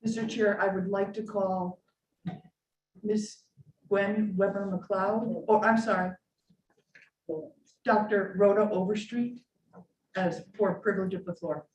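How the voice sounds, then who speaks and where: A woman's voice: medium pitch, fairly even intonation, slow pace, long pauses, darkish tone. Woman legislator, formal requests to the chair, echoey room, far-off mic. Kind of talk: formal meeting procedure. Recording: echoey room from a distant mic, faint noise.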